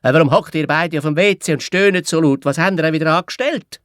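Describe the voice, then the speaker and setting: A man's voice: on the high side, quick pace, a bit bright, no room sound, studio quality, pitched above the performer's own voice, lightly acted. A man doing a puzzled Swiss German mum calling out. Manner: calling out, questioning. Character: mother, grown woman, brisk and puzzled.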